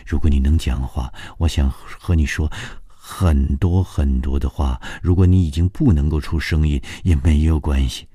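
A man's voice: a bass voice, normal speed, few pauses, dark tone, slightly rough, no echo, studio quality. A male narrator voicing a lovesick, anguished young man in a pleading inner monologue from an audiobook. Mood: yearning.

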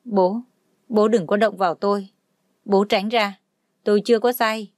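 A woman's voice: mid-range voice, steady tone, measured pace, dry recording, studio quality, lightly acted. A woman voicing a drunk, heartbroken young man who slurs and lashes out in anger. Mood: furious. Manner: slurred, bitter shouting.

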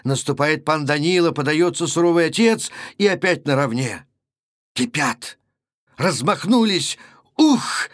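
A man, an actor and announcer, reading a classic tale in a measured, dramatic narration. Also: a little high, lively intonation, no room sound, studio quality. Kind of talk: audiobook narration.

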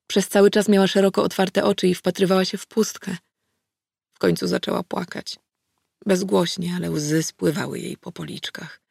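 A woman narrating a first-person audiobook in a calm, measured reading voice. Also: on the low side, creaky, slightly rough, dry recording, clean studio sound.

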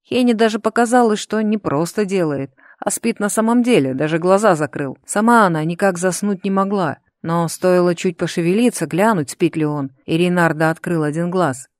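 A woman narrating an audiobook in a steady, even storytelling voice. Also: lowish voice, moderate pace, hardly any pauses, no room sound, studio quality. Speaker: audiobook reader.

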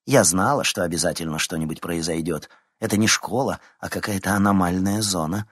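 A man's voice: low voice, a little fast, a bit bright, husky, no echo, studio quality. A man voicing a cold, calculating female TV reporter who talks in a mocking tone.

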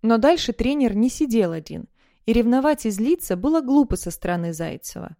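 A woman narrating an audiobook in the first person, in a lively, conversational way. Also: a little high, a little fast, no echo, studio quality.

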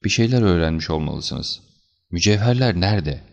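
A man's voice: deep voice, expressive, normal speed, creaky, a little mellow, long reverb tail. A man voicing a distraught older banker. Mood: anguished. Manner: pleading, anguished outbursts. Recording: slightly dull lo-fi recording.

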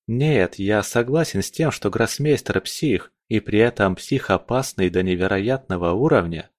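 A level-headed young necromancer in a fantasy audiobook, explaining his reasoning patiently and methodically, read by a male narrator. The voice is only slightly lifted from the reader's own low tone, close and dry. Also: normal speed, dry recording, lightly acted. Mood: calm, persuasive.

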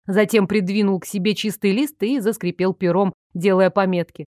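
A woman reading a first-person audiobook in a lively, ironic, expressive way. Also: mid-range voice, normal speed, no echo, clean studio sound. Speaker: audiobook narrator.

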